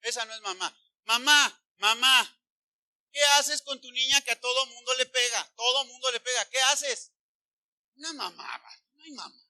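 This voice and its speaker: A man preaching a sermon as pastor, animated, questioning the congregation directly. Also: very high voice, moderate pace, clear, resonant tone, dry recording. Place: church.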